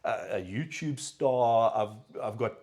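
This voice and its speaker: A South African man hosts a podcast, spinning stories in a casual chat as an animated storyteller who acts out the voices of the people he quotes. His voice is medium-pitched and his pace slow.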